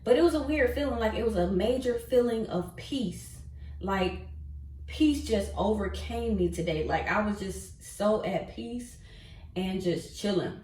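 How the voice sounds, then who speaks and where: A woman's voice: mid-range voice, expressive, measured pace, a little mellow, slight background noise. A young adult woman and former teacher, talking candidly and rambling a little as she chats to her viewers in a casual vlog. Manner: candid, rambling, talks to viewers while doing makeup.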